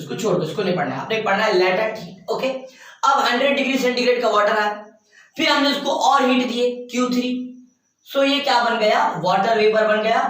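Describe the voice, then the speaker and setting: Male physics teacher, lecture delivery, quizzes and answers himself, drawn-out key terms, distant and heavily echoing. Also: high voice, fairly bright tone. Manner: asks questions and answers them himself; stretches out key terms word by word. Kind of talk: classroom lecture. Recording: very echoey room, voice from far off.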